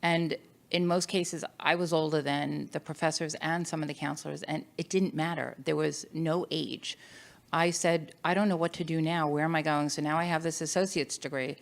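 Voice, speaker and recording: A middle-aged woman on an alumni panel tells her personal story emphatically, quoting herself as she goes. Her low, creaky voice holds a steady tone at a moderate pace.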